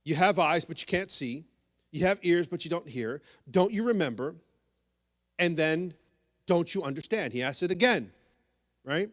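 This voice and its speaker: A man preaching a sermon as pastor. He talks in an animated way, acts out the voices of the disciples and keeps checking in with "right?" and "okay?". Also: on the high side, normal speed, pauses often. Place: church sanctuary. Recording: long hall reverb.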